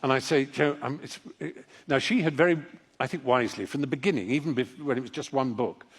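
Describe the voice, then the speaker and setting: A man's voice: mid-range voice, a little fast, husky. Older man telling a rambling anecdote. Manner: rambling, self-deprecating, with frequent restarts. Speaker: actor and audiobook narrator. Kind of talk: anecdotal storytelling to a live audience.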